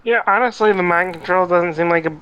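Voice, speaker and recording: A man's voice: high voice, fairly quick, fairly bright tone, clean tone, dull audio. A man in casual chat as a gaming companion, laid-back and a little hesitant.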